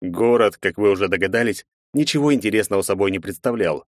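Male audiobook narrator, low voice, measured first-person reading, dry close sound. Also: expressive, no echo.

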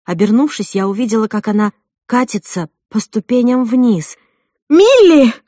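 A woman narrating a first-person audiobook in an expressive way. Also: mid-range voice, moderate pace, dry recording, studio quality. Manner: expressive, rising with the drama.

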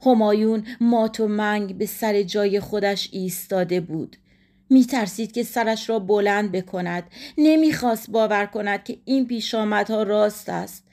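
A woman narrating a classic literary short story in a measured, dramatic way. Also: medium pitch, darkish tone. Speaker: audiobook narrator.

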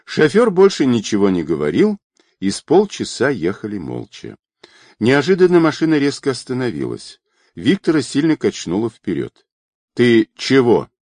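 A man narrating an adventure story as an audiobook in an expressive, dramatic reading. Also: medium pitch, moderate pace, dry recording, studio quality. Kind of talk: scripted narration.

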